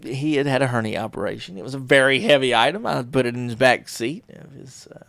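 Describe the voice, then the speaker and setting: A man's voice: mid-range voice, lively intonation, quick pace, vocal fry, no room sound, clean studio sound. A middle-aged man hosting a solo podcast, telling a personal story in a rambling, casual way with many fillers and restarts. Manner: rambling, self-correcting, warm storytelling with frequent fillers. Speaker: podcast host.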